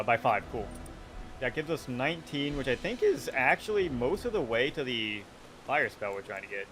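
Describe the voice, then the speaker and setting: A man's voice: mid-range voice, a bit bright, a little hiss or hum. A man giving casual, chatty commentary while streaming a video game, talking to himself and joking along the way. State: hiccuping.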